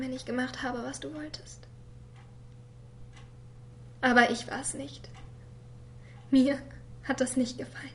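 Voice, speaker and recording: A woman voicing a quiet, hurt young girl who reads a letter to her father in a soft voice that sometimes drops to a whisper. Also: high voice, a little hiss or hum, lightly acted. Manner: soft and subdued, at times whispered. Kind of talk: voice-over reading of a letter.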